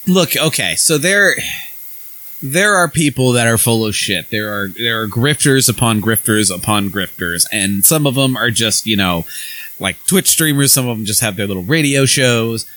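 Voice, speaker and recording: Blunt American co-host, ordinary pitch, recorded dry. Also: male voice, lively intonation, normal speed, sharp tone, no echo, poor audio. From United States. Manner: blunt, swears, many restarts. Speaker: podcast co-host. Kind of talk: casual political chat.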